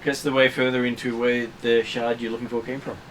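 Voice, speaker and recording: A man's voice: mid-range voice, little pitch movement, fairly quick, rough recording. A man running a tabletop role-playing game as game master, explaining things in a hesitant way. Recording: faint room hum and noise.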